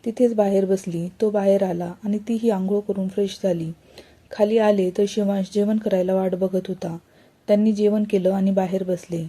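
A woman narrating a romance story as a storyteller, in a steady and even reading. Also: mid-range voice, moderate pace.

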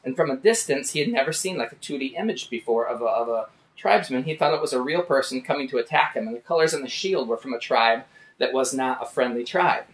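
Artist guy telling travel stories in his studio, animated, echoey room. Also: mid-range voice, fast talker. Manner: animated, acts out scenes. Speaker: artist and show host. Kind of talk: casual storytelling.

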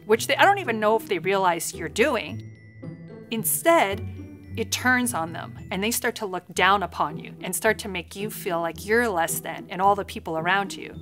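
A woman's voice: medium pitch, a bit bright. Chatty, frank woman spiritual guide. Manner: chatty, frank and dramatic, acting out quotes. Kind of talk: candid storytelling vlog.

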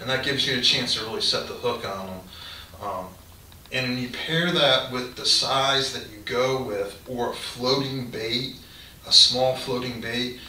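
A man's voice: mid-range voice, measured pace, recorded from a distance. A middle-aged man gives casual, rambling how-to advice straight to the camera in a cluttered garage. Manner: relaxed, rambling, gestures with hands while explaining. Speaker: fishing channel host. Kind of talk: casual instructional talk to camera. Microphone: camera mic from a few feet away. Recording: roomy garage echo, off-mic, faint hiss.

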